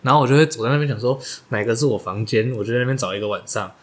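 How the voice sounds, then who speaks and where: A podcast co-host in casual chat, tossing in quick, lively remarks and giggling. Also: mid-range voice. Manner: quick, animated interjections, giggling.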